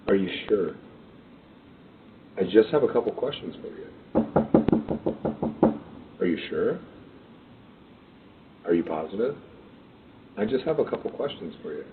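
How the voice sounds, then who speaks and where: A man's voice comes through a doorbell camera's small, tinny speaker, with a steady hiss running beneath it. His pitch rises and falls a lot as he repeats the same short questions in a halting way. He sounds like he is standing outdoors at a front door. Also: distant mic. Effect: heard through a doorbell camera's tinny mic and speaker. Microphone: doorbell camera microphone.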